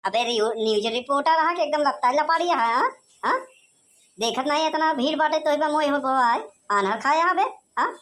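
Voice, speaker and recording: A woman voicing a hot-tempered rustic male farmer who scolds in rough village talk with an Awadhi accent. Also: high voice, normal speed, a bit bright. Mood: furious.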